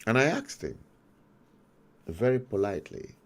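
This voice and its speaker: Very animated and lowish in voice, a middle-aged talk show host from Nigeria speaks with a Nigerian accent. He's telling a story during an emphatic livestream monologue, using dramatic pauses.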